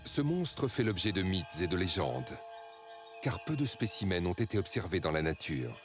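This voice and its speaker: A man reading scripted nature documentary narration in a measured, dramatic storytelling way. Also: low voice, sing-song, over music.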